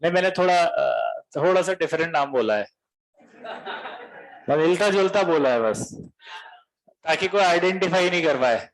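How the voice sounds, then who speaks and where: High-pitched man teaching a class, jokey and teasing, chatty lecture vibe. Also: animated, a little slow, pauses often, rough recording. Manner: joking, teasing, talks straight to students. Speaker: coaching teacher.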